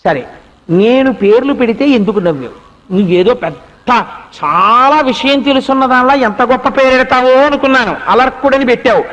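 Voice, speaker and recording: A man's voice: extremely high pitch, animated, moderate pace, fairly bright tone, dull audio. A male spiritual speaker voicing a proud king who questions his wife with indignation, in a reverberant hall. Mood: indignant. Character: puzzled proud king, adult man.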